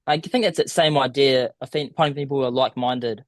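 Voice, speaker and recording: A man's voice: medium pitch, brisk, no room sound, studio quality. Young man with a broad Kiwi accent. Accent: broad southern New Zealand. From small town in southern New Zealand. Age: young adult. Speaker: podcast guest, student abroad. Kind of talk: casual interview.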